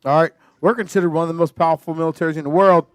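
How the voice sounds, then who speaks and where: Fast-talking man on a panel show. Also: a little high, steady tone, clean tone, dry recording. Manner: rapid, emphatic, restarts phrases. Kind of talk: casual panel chat.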